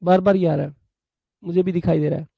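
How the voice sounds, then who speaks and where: Speaking fast in a high, creaky voice with a steady tone, this man runs a live online class on law. He acts out little stories, voicing a buyer and a seller, and talks to students in a chatty, fatherly way. The recording is dry and sounds dull.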